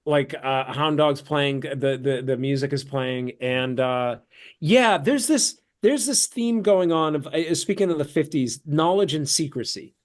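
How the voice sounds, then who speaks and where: Brief: American actor guest, a bit high-pitched, loose rambling delivery over a video call. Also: male voice, measured pace. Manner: rambling, many fillers and restarts. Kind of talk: casual film discussion.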